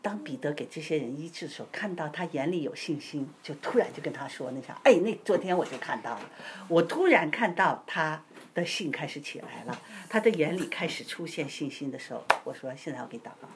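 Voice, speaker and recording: Woman, church testimony teller, animated storyteller, lowish voice with a very lively melody, faint background noise. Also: a little fast. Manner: keeps asking "you know?", acts out voices.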